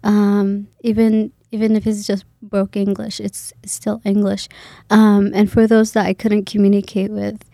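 A woman's voice: medium pitch, monotone, measured pace, vocal fry, dark tone, no echo, studio quality. A woman in her twenties from Kenya, a graduate student talking in a casual interview, hesitant with many fillers and restarts.

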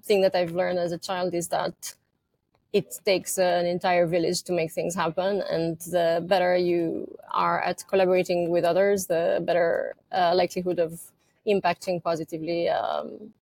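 A woman's voice: on the low side, flat delivery, moderate pace, vocal fry, a little mellow, no echo. A woman from Romania with a Romanian accent, a company co-founder speaking as an interview guest in a thoughtful, hesitant way, with many fillers and restarts. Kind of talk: conversational interview.

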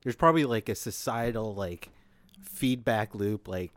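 A man's voice: lowish voice, a little slow, no echo. A man chatting casually as a podcast guest, feeling his way through his points. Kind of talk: casual chat.

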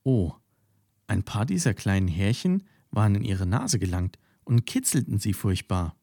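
A man narrating a children's story in an expressive storytelling way. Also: fairly low pitch, normal speed, creaky, dry recording, clean studio sound.

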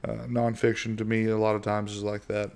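A middle-aged American man hosts a casual solo podcast, speaking briskly in a lowish, monotone voice with vocal fry. He rambles, using lots of fillers and restarts.

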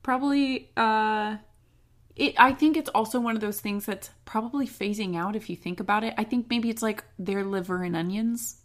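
Woman cohost on a chill food podcast, laughs a lot, middle pitched voice, just chatting. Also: moderate pace. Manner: laughs often, chatty and joking; explains food history from notes. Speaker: podcast co-host. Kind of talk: casual chat.

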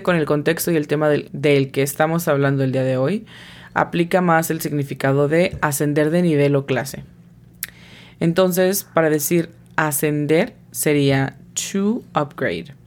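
A woman with a low voice leads a scripted language lesson at an unhurried pace. She is patient and spells out every pronunciation letter by letter. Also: a little mellow. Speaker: English teacher and host.

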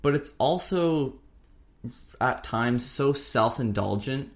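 Taking it slowly, this young man speaks in an animated, medium-pitched voice while co-hosting a podcast. The conversation is casual and rambling, with moments where he mimics an ad read.

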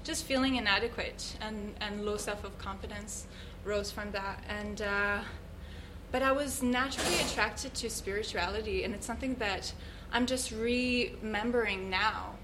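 A woman speaks as a guest in an interview. She tells her story in an earnest, thoughtful way, pausing to search for the right words. Her voice sits at a middle pitch. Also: background noise. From Switzerland. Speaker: guest, yoga teacher. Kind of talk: reflective personal storytelling.

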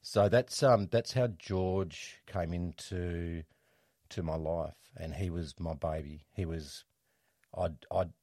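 A middle-aged man telling a personal story as an interview guest, reflective and halting, restarting his sentences often. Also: low-pitched, fairly even intonation, darkish tone, no echo, clean studio sound.

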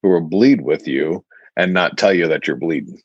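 A man's voice: sits low, normal speed, no room sound, dull audio. A man co-hosting a podcast, talking earnestly and conversationally, with many fillers. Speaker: podcast co-host.

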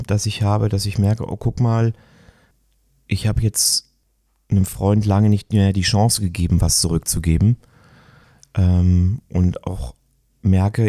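A middle-aged man speaks in a reflective, searching way, often pausing on fillers as he thinks aloud. His voice sits a little low and sounds mellow. The recording is dry and close. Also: gravelly, no echo. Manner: thoughtful, searching, with many fillers. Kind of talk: reflective conversation.

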